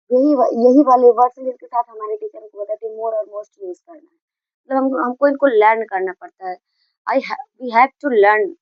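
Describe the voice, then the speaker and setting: A woman with a Hindi accent teaches grammar in a fairly high voice. She explains step by step, repeats points and corrects her own slips. The recording is dry and somewhat muffled. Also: no room sound. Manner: explains slowly with repetition and self-corrections. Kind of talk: classroom-style grammar lesson.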